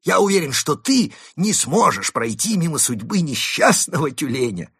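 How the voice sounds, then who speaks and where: A man's voice: a little high, sing-song, moderate pace, fairly bright tone, husky, dry recording, clean studio sound, voice pushed up, exaggerated voice. A man voicing a boastful, scheming male ferret swindler who talks grandly and pushes hard. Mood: pompous. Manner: grandiose, pushy.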